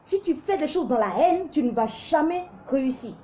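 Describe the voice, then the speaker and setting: A woman's voice: sits high, animated, normal speed, muffled recording, a little hiss or hum. A woman from Africa hosting a live show, giving opinionated commentary in an emphatic, preachy way that often stumbles and restarts.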